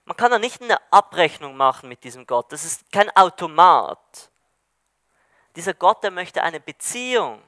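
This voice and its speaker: A male preacher with a high, bright, sing-song voice delivers a sermon at normal speed, retelling a story in a searching way. He hesitates and restarts frequently, and the recording is dry and close with no echo.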